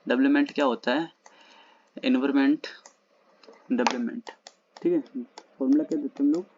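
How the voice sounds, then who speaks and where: A man working through old exam questions in a casual lesson, reading the English question text slowly and then explaining quickly in Hindi, recorded at home at night. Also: mid-range voice, fairly even intonation, a little mellow, highs cut off, a little hiss or hum. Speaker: exam-prep teacher.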